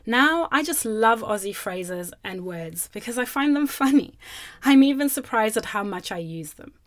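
This presenter is a cheerful Zimbabwean woman, a native Shona speaker, with a voice on the high side at a normal speed. She tells a scripted children's story expressively, recorded close and dry with no room sound.

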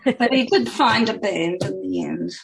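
A woman's voice: mid-range voice, unhurried, gravelly, a little hiss or hum, rough recording. A woman author talking about her book and reading from it in a chatty, hesitant way. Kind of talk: interview answers and reading aloud.

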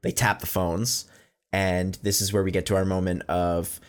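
A man co-hosting a casual film podcast, recapping the plot in a relaxed way. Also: low voice, normal speed. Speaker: podcast co-host.

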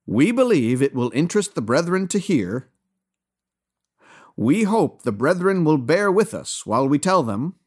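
A man's voice: on the high side, very animated, measured pace, a little mellow. A man voicing a grandiose, long-winded lodge master who talks pompously of himself as "we".

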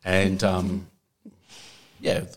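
A man's voice: low-pitched, monotone, very slow. A man telling a story in casual chat, hesitant and full of fillers, laughing at times.

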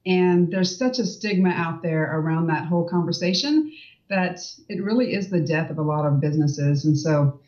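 A woman's voice: on the low side, moderate pace, a little mellow. Woman, sales coach, confident, explanatory, off-mic, muffled lo-fi sound. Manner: confident, explanatory, frequent "you know" and "right?". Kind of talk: casual interview chat. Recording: distant, dull remote audio.

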